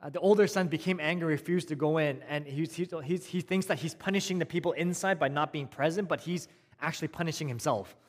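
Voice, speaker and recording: Male preacher, fairly high voice, conversational sermon, repeats himself, loud then soft, long hall echo. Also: fast. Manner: conversational, with restarts and repeated phrases; swings between raised emphasis and quiet, soft delivery.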